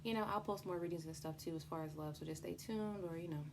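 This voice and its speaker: A woman's voice: fairly low pitch, fast, vocal fry, very noisy. A woman giving an unscripted tarot explainer in a chatty, informal way, with slang and free swearing. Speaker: tarot reader presenting a tutorial.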